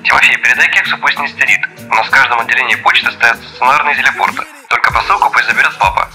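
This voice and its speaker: A man's voice: mid-range voice, rapid-fire, sharp tone, low-quality recording. A man playing a busy, matter-of-fact secret agent in scripted phone dialogue. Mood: brisk. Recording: music behind the voice.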